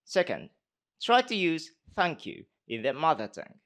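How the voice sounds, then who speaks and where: A slightly high, somewhat bright, sing-song voice at normal speed belongs to a Japanese university student in his twenties with a posh British accent. He speaks in a conference hall, first with a speech, then answering questions hesitantly, using many fillers.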